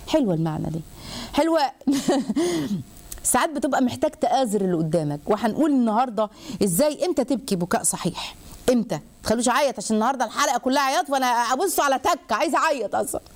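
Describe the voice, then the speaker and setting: A woman with an Egyptian accent giving a religious lesson to women, lively and animated, asking herself questions as she goes. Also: a little high. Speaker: religious teacher.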